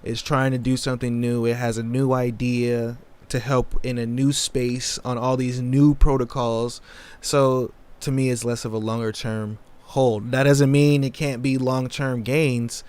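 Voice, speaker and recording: A man's voice: mid-range voice, flat delivery, measured pace, darkish tone, smooth. A man hosting a casual livestream, answering chat questions in a laid-back, slangy way. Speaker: crypto livestream host.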